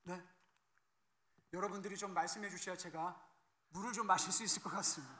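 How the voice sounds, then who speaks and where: Missionary guy giving a sermon, lively storytelling, keeps asking the congregation stuff, bright voice. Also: high voice, a little fast, breathy edge. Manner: animated storytelling, quizzing the congregation. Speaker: missionary guest preacher. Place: church service.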